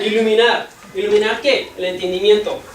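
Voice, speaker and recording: Translating as they go, an English-native teacher stumbles and searches for words during a bilingual class. The mid-range voice has fairly even intonation, and the recording is echoey, distant, and noisy.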